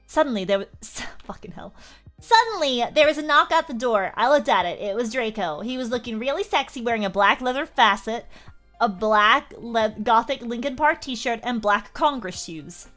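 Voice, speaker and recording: A woman's voice: a little high, expressive, normal speed, fairly bright tone, faint music behind. A young Australian woman streamer reading a fanfic aloud with comic commentary, often breaking into giggles. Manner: giggly, keeps breaking into laughter.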